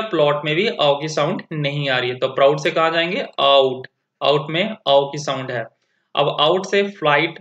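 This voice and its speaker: A male teacher walking students through a textbook lesson, reading English lines slowly and then explaining them in plain conversational terms. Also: a little high, fairly bright tone. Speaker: school teacher. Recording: echoey, dull lo-fi audio.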